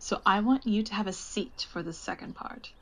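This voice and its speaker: A woman's voice: medium pitch, normal speed, a bit bright, slight background noise, lightly acted. A woman playing a seductive devil disguised as a woman in a horror audio drama, knowing, persuasive and coolly in control. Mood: coaxing.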